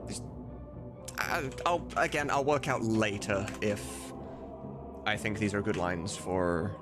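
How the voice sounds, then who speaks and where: A streamer who creates voice mods talks casually and slowly on a live stream, swearing freely and thinking out loud as he goes. His voice is fairly low, with video game music playing in the background.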